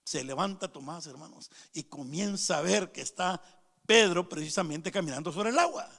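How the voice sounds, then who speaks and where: A man's voice: on the high side, animated, normal speed, gravelly, a bit bright. A middle-aged man preaching a sermon, telling stories and calling out to the brethren as he goes. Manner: storytelling, keeps calling out to the brethren. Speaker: pastor. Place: church hall. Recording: long hall reverb.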